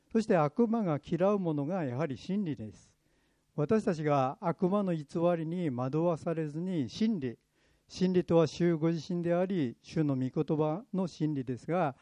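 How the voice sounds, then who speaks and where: A man's voice: a little high, warm tone, dry recording. A middle-aged man preaching a sermon as pastor, earnest and emphatic, repeating key phrases for weight.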